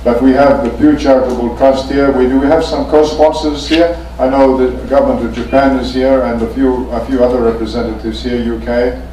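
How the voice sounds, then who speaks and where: A man from Fiji, chairing a formal meeting in a polite, measured way with frequent pauses. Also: mid-range voice, fairly even intonation, dark tone, a little hiss or hum. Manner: polite, measured, often pausing. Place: conference meeting room. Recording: echoey meeting room, mic at a distance.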